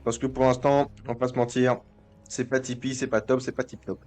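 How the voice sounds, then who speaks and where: A man's voice: medium pitch, level tone, fairly quick, a little mellow, faint music behind. A young man rambling and joking as he comments on a management game, often stumbling over his words and restarting. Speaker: gaming video creator. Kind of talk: casual gameplay commentary.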